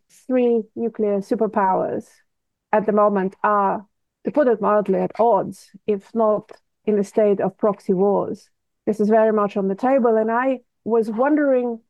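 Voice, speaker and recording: A woman in her fifties from Russia, speaking English with a Russian accent as an interview guest, measured and deliberate, searching for words. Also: fairly high pitch, no echo. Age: 50s. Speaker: guest artist. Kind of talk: interview answers. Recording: tinny phone-like line, dry.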